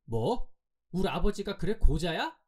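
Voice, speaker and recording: A man acting out a hot-tempered teenage farm boy in a storybook, his voice raised above his usual register. He shouts and scolds with indignation, loud and sharp. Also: sits high, sing-song, unhurried, breathy edge, pitched above the performer's own voice, heavily acted. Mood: indignant.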